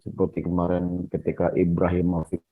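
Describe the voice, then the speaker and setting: A man's voice: sits low, monotone, brisk, phone-quality sound. A man giving a conversational sermon in a mosque. He keeps turning to the congregation with questions and often addresses them directly. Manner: conversational, keeps asking the audience "ya nggak?"; often addresses listeners as "hadirin". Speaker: preacher. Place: mosque hall.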